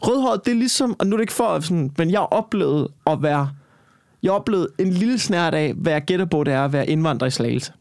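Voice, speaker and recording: Young man, rambling storyteller in a chat, a touch high-pitched, very dry close sound. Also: animated, creaky, a little mellow, dry recording. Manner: rambling, frequent restarts and fillers, swearing. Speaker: guest telling a story.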